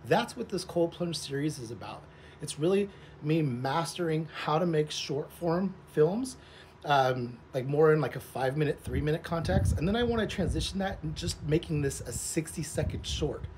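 A man's voice: a little high, animated, normal speed, a little mellow. A man in his forties talking casually and in a rambling, informal way, as a vlogger speaking to camera outdoors. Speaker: vlogger, social media content creator. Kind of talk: casual vlog chat to camera. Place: outdoors, in a pool. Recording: clearly noisy outdoor ambience.

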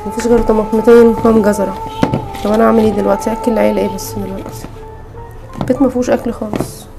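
A woman voicing a weary, long-suffering mother in a cartoon, with an Egyptian accent, tender with her children and shrill when she argues. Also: little pitch movement, racing, gravelly. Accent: Egyptian Arabic. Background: background music.

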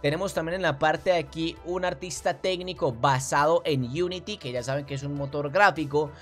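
Young male streamer, lively, higher voice, soft music under a desk-mic recording. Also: moderate pace. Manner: animated, addresses viewers as family. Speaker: crypto YouTuber. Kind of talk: casual commentary over screen share. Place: small room at desk.

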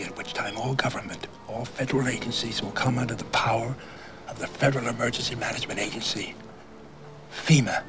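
An actor playing a paranoid older conspiracy writer who talks in a hushed, urgent whisper, heard from a worn VHS tape copy. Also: male voice, lowish voice. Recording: hissy worn videotape copy.

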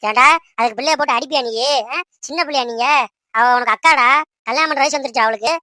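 A high, bright cartoon mother who is always scolding. She rattles along at speed, nagging and bossing her family about, as a woman acts her out. The sound is dry and close. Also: fast, no echo. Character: bossy scolding mother of grown children. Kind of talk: Tamil cartoon voice acting.

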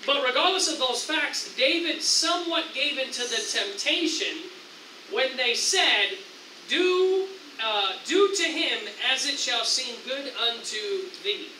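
A high, very bright-voiced American pastor preaching in a roomy church. The voice carries from some distance from the mic, with faint hiss beneath it. He preaches in an animated way, jumping into excited lines as he acts out tempters. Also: takes it slowly. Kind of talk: sermon. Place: church sanctuary.

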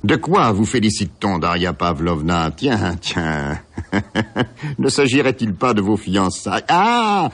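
A man's voice: fairly low pitch, very animated, fairly bright tone, full character voice. A man reading aloud as a cynical young man who mocks his father, laughing and sneering. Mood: mocking. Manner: mocking, laughing, quick shifts of tone. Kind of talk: dramatic reading of a novel.

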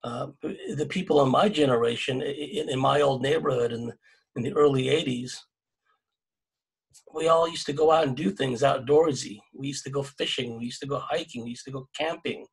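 A middle-aged man from California talks on a video-call panel from his home, in a gravelly, husky voice. He speaks earnestly and exhorts, often restarting his phrases and tacking "right?" onto points. The sound comes through a plain webcam mic. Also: mid-range voice, moderate pace, poor audio. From California, USA. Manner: earnest and exhorting, many restarts, tag questions.

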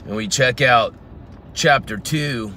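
Man in his own voice, unhurried Bible teacher working through verses outdoors, bright tone, faint traffic behind. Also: mid-range voice. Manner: reads scripture aloud and explains it verse by verse. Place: outdoors in a garden.

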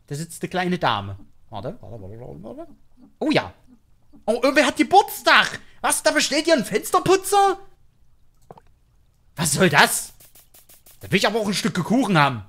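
A man narrates his run through a horror game for his viewers, cracking jokes and reacting loudly to every scare. His pitch jumps around constantly, full of life and quick exclamations. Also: creaky. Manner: joking, excitable, talks to viewers. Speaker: gaming YouTuber. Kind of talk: let's play commentary.

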